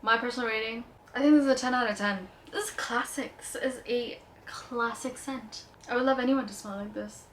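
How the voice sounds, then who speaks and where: A young woman with a light Indian accent reviews perfumes in a casual vlog, chatting playfully and with plenty of enthusiasm. Her voice sits on the high side and moves fairly quickly. There's a little background noise.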